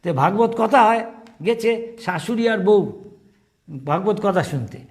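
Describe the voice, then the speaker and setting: Male monk lecturer, high voice, informal storytelling sermon with a teasing touch. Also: animated, measured pace. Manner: chatty and teasing, calls on listeners by name; searches aloud for words. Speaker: monk giving a devotional class. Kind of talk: informal sermon with folksy stories.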